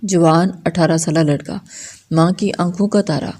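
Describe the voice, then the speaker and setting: A woman reads a dramatic novel aloud in a steady, measured narration. Her voice sits on the low side and sounds warm and mellow. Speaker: novel reader.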